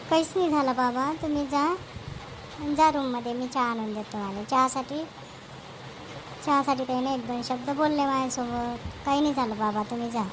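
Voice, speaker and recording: A woman's voice: sits high, background noise, close to an everyday voice. Woman playing a put-upon Varhadi wife. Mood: tearful. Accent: Varhadi Marathi. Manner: pleading, complaining back. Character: put-upon young wife and daughter-in-law. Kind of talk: village comedy skit.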